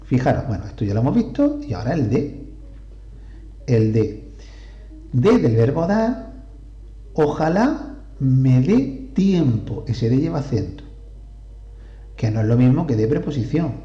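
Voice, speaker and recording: A male teacher with a Spain Spanish accent explains grammar slowly and deliberately, counting syllables aloud. His voice is deep in tone yet lively in pitch. The recording is roomy and a little dull. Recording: roomy echo, slightly dull sound.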